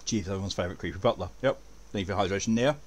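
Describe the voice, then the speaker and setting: A man's voice: deep voice, rapid-fire. A man chatting casually as he streams and comments on a video game.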